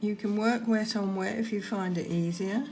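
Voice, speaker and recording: A woman giving gentle, unhurried painting instruction, talking through her work as she goes, with trailing pauses. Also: medium pitch, fairly even intonation, faint music behind. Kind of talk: unscripted painting demonstration, talking while working.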